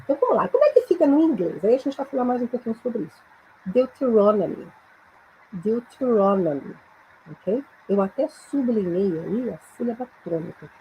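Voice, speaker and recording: A middle-aged Brazilian woman teaching a Bible-based English lesson, with frequent tag questions and slow, careful readings of English verses. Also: fairly high pitch, warm tone, a little hiss or hum, low-quality recording. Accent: Brazilian Portuguese.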